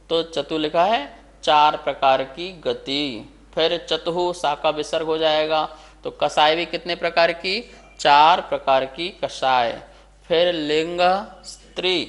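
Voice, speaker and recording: A man teaching a scripture lesson, reciting a verse word by word for students to repeat, then explaining it slowly. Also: a little high, fairly bright tone. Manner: measured, syllable by syllable chanting of verses. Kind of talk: slow recitation lesson with call and response.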